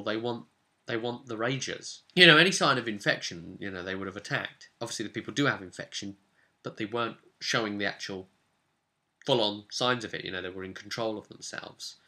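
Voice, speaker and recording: A man with a medium-pitched, sharp-toned voice recaps a tabletop role-playing session he ran as game master. He tells it informally, like a story, acting out brief quotes along the way.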